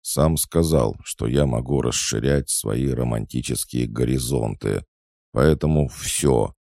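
A man's voice: extremely low pitch, unhurried, gravelly, dark tone, dry recording, studio quality, heavily acted. A man voicing an awkward, lovesick teenage boy in an audiobook, whining and defensive. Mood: whiny. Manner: whiny, defensive.

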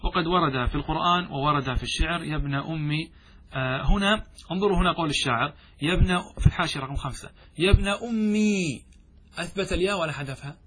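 A man teaching a grammar lesson who poses questions to his students and answers them himself, chanting verses slowly. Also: fairly high pitch, pushed and bright, slightly rough. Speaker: sheikh teaching Arabic grammar. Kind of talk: classroom lesson explaining verse.

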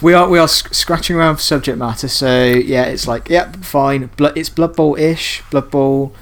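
A man's voice: on the high side, steady tone, moderate pace. A man co-hosting a podcast, dry and agreeable, often stumbling into restarts. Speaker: podcast co-host. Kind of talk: casual chat.

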